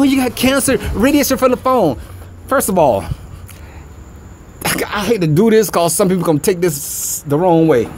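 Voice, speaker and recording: Rambling man with a fairly high voice. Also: a little mellow. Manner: rambling, conspiratorial, talks in street slang. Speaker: vlogger. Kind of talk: casual rambling monologue. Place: outdoors by a street with traffic. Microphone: phone held in hand away from face.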